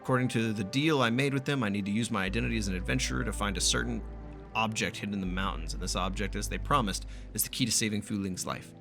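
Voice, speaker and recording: With music behind him, a streamer in a fairly low, gravelly voice talks quickly while playing through a game. He reads its text aloud casually, swearing and occasionally stumbling.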